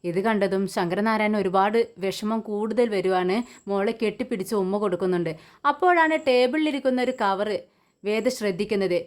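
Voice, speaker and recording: A woman's voice: medium pitch, normal speed. A woman giving a casual voice-over that retells a television serial's plot, talking conversationally and often restarting her words. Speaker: serial review narrator.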